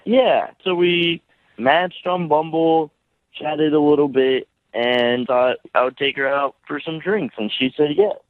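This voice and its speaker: A man calling in to a radio show, telling his story slowly and hesitantly. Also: on the high side, fairly even intonation, no room sound. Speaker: radio caller. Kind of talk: phone-in chat. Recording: tinny phone line.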